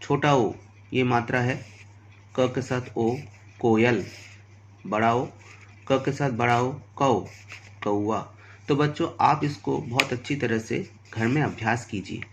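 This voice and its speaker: Man teaching kids hindi letters, real slow and patient, spells every example out. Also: mid-range voice. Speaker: primary school Hindi teacher. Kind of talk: slow, deliberate classroom lesson.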